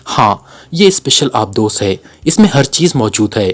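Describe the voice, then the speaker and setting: A man's voice: mid-range voice, sing-song, moderate pace. A man voicing a frightened, timid captive who stammers, in a storybook reading. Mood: nervous.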